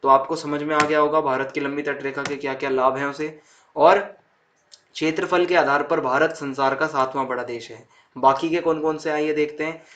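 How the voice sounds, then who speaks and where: A man's voice: on the high side, steady tone, normal speed, fairly bright tone. A young man teaching a school geography lesson, going over each point again and checking in with the students. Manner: repeats points with "thik hai" check-ins. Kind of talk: explaining a textbook chapter to students.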